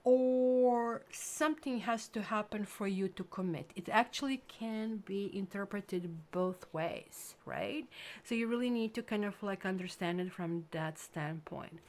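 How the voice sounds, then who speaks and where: A Croatian tarot reader with a mid-range voice gives an unhurried, rambling reading to camera. She's chatty and lively in bursts, with lots of fillers like "like" and "kind of."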